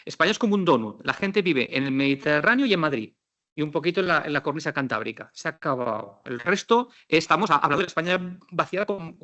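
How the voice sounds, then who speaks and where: A middle-aged man from Spain giving a lively, ironic conference talk on housing law, acting out quoted dialogues. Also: fairly high pitch.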